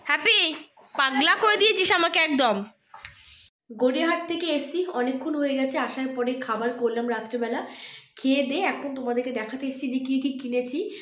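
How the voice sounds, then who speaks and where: A woman's voice: high voice, moderate pace, fairly bright tone. A woman in her thirties with a Kolkata Bengali accent and a cough, chatting to viewers at home in a rambling shopping haul vlog. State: has a cough. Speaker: lifestyle vlogger. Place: home room indoors. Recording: echoey room at home.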